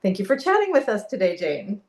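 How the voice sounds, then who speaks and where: A woman's voice: medium pitch, wildly swooping pitch, brisk, darkish tone. A woman hosting a member interview, asking questions in a polite, encouraging way. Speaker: interview host. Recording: echoey room.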